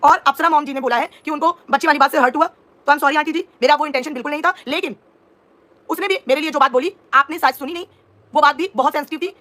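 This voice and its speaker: A woman's voice: high voice, fast, bright, forceful tone. A woman in her thirties livestreaming as a reaction vlogger, indignantly explaining herself and answering viewers' comments. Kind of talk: live-stream talk to viewers.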